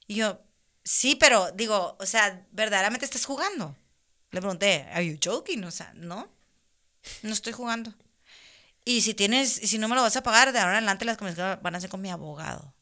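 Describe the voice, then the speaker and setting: A woman in casual conversation, telling a long personal story in an animated way, laughing now and then. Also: medium pitch, a little fast. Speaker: guest.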